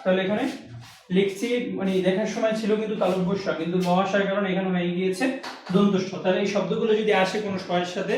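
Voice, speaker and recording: A man's voice: high-pitched, fairly even intonation, quick pace, a little hiss or hum. A man teaching a language lesson to students, explaining step by step and asking and answering his own questions. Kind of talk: classroom lesson. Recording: echoey room recorded from a distance.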